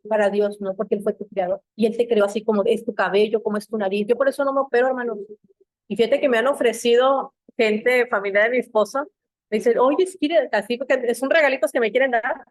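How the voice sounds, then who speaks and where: Animated woman teaching a church class. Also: a little high, dry recording. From Mexico. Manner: animated storytelling, acts out quoted voices. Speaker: Bible institute teacher.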